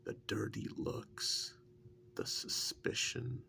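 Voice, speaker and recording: A faint low rumble underlies this slow ASMR role-play, where a man portrays a bitter, aggrieved former kidnap victim turned devoted male partner. He speaks softly and breathily, often in a half-whisper, rambling in a confiding way.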